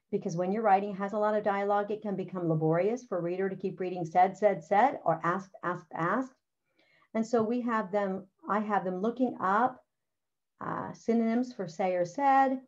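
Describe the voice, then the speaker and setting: A woman's voice: medium pitch, darkish tone. A middle-aged woman teacher talking other teachers through a writing lesson, practical and chatty, often saying "all right" and "okay". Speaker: teacher presenting a writing curriculum. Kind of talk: instructional walkthrough. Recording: slightly dull, lo-fi sound.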